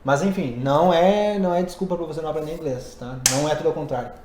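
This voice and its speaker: A man's voice: on the high side, fast talker, background noise. A man who teaches English and Portuguese, hosting a casual podcast and explaining ideas conversationally while thinking aloud. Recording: roomy echo.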